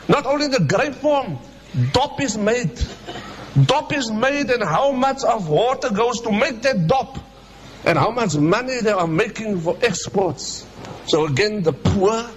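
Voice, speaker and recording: High-pitched Cape Town man preaching. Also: slight background noise, poor audio. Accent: Cape Town South African. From Cape Town, South Africa. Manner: impassioned, rhetorical questions, addressing listeners directly. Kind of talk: Friday sermon, code-switching, colloquial.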